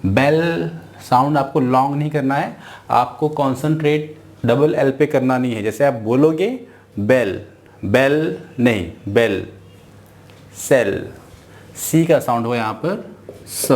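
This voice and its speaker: An Indian man teaching an English phonics lesson, spelling out each sound slowly and repeating every word. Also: mid-range voice.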